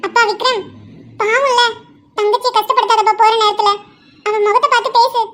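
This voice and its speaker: A woman voicing a kindly older female relative who gently corrects the family in a cartoon. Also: extremely high pitch, fairly even intonation, fairly quick. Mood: coaxing.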